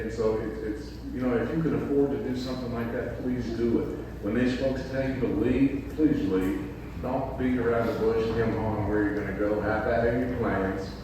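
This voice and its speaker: A man's voice: medium pitch, warm tone. An older man giving an informal public address in a folksy, plain-spoken way, his voice echoing around a big hall. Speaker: county commissioner, guest speaker. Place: large echoing indoor meeting space. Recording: very echoey hall, distant mic, faint noise.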